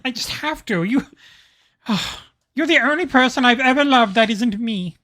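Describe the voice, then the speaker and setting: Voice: mid-range voice, animated, measured pace, pushed and bright, pitched above the performer's own voice. A podcast host improvising a lovesick, self-absorbed young king who talks in a mock-earnest, pleading way. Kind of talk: comic improvised impression.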